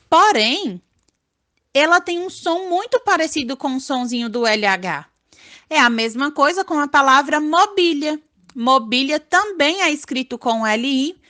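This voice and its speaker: Woman, Brazilian accent, primary teacher, online class for kids, high voice, slow, drawn-out syllables. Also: bright, forceful tone. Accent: Brazilian Portuguese. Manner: slow, sing-song, syllable-by-syllable explaining to children. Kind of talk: online lesson for children.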